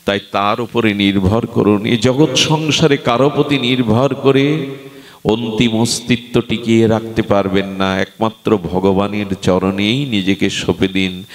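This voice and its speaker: A man preaches a devotional sermon at an unhurried pace, his voice carrying a big-room sound. He tells a sacred story with impassioned rises that climb to high emotional peaks, and he chants verses in melody.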